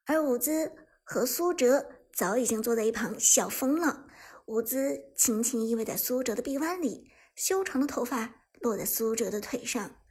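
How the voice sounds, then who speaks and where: A woman narrating a web novel in a steady storytelling voice. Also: on the high side, moderate pace, breathy edge. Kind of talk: audiobook narration.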